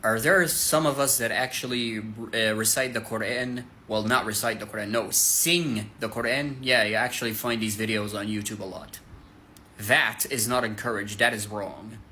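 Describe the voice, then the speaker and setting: A man gives a casual religious lesson in an earnest, direct way, talking to his listeners like friends. His voice is bright and forceful. Faint background noise sits under the speech. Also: fairly low pitch, fairly even intonation, moderate pace. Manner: breaks into melodic Quran recitation to demonstrate. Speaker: Islamic teacher. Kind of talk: casual religious teaching to camera.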